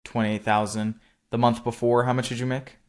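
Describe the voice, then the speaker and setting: A man in a mid-range voice hosting a casual interview. He is chatty and loosely phrased, and he jumps in often with quick affirmations as he steers the conversation. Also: mid-range voice, flat delivery, a little mellow, clean tone. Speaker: interviewer host.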